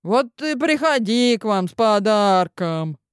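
A woman's voice: medium pitch, expressive, a little slow, no room sound, studio quality, lightly acted. A woman voicing a cheeky young woman in a monster costume, with a complaining, mischievous tone.

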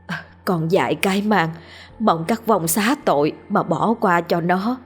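A woman's voice: lowish voice, a little slow, husky, faint music behind. A woman voicing a meek older mother who pleads tearfully with her son in a narrated ghost story. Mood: pleading, sorrowful.

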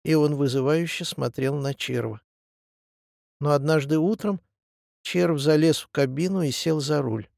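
Gravelly man reading a story. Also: a little high, unhurried, a little mellow, no room sound, clean studio sound. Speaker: audiobook narrator. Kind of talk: scripted narration.

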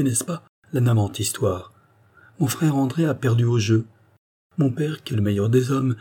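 A man's voice: medium pitch, warm tone, breathy edge, lightly acted. A man reading a novel aloud, voicing a distressed young woman who pleads earnestly for her brother.

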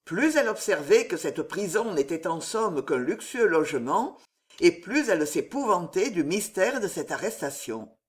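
A woman narrating a historical novel as an audiobook in an expressive, dramatic reading style. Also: fairly low pitch, moderate pace. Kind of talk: scripted narration.

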